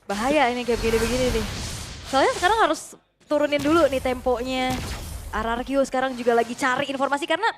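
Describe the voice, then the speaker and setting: A woman's voice: high-pitched, fast talker, a little hiss or hum. A woman with an Indonesian accent giving live commentary on an esports match as a caster. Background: music.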